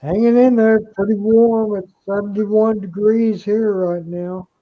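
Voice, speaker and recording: A man's voice: high voice, fairly even intonation, measured pace, phone-quality sound. A man with an Oklahoma accent chatting casually as a guest on a remote call. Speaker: livestream guest calling in. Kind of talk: casual chat.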